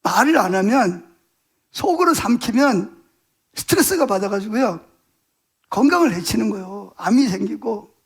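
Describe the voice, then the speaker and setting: A male pastor delivers a Sunday sermon in a strikingly high voice with a rough, gravelly edge. He talks plainly and emphatically, repeating words for stress. He keeps asking his listeners questions. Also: expressive, moderate pace, pauses often. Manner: emphatic, asks the congregation rhetorical questions.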